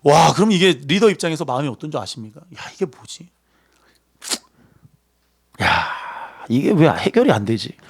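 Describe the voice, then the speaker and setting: Lively Korean man preaching. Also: a little high, moderate pace, creaky, pauses often, slightly rough. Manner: lively, conversational preaching that acts out voices. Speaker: pastor. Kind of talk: sermon.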